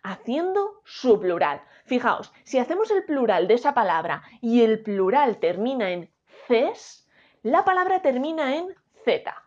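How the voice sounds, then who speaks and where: Woman teacher w a spain spanish accent, kinda high and really lively, stretches her words, dull lo-fi sound. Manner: slow, emphatic, asks rhetorical questions. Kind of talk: spelling lesson.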